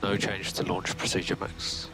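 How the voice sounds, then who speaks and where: Low-voiced race engineer on team radio. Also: male voice, completely flat delivery, moderate pace, over music, rough recording. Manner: terse, clipped instructions. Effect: team radio from a race car.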